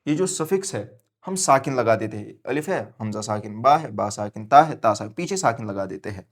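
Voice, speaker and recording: A man teaching recitation rules in a classroom-style lesson, quizzing himself and answering, spelling out letters slowly and raising his voice to stress a rule. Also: fairly low pitch, expressive. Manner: asks questions and answers them himself, drills letters slowly; switches between quiet explaining and loud emphatic stress. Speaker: tajweed teacher.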